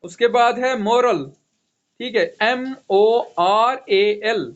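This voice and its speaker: Male teacher, high voice, unhurried delivery, spells words out, dull lo-fi online audio. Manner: spells words letter by letter, repeats "okay" often. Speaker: English teacher. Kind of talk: online vocabulary lesson.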